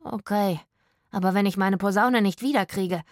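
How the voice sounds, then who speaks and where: Eine Erzählerin, die in einer Kinderhörgeschichte einen grummeligen, kräftigen Jungen spricht. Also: female voice, medium pitch, normal speed, dry recording, studio quality, natural voice. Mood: grumpy. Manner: growling. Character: grumpy boy trombonist, strong.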